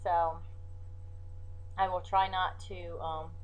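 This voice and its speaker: A woman's voice: on the low side, level tone, takes it slowly. A woman with a scratchy voice, reciting her own poems and singing them, between hesitant, self-deprecating remarks full of fillers. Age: adult, has a grown daughter. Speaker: amateur poet and singer.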